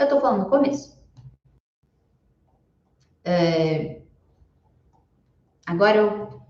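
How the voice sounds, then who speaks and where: A young woman whose first language is Portuguese gives a live online English lesson and patiently repeats her examples slowly. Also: mid-range voice, roomy sound, lo-fi sound. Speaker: English teacher.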